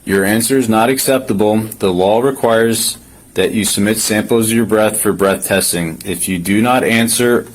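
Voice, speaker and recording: A man's voice: lowish voice, moderate pace. A male police officer formally reading out a legal form and giving firm, insistent instructions. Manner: procedural, insistent. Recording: body camera with faint noise.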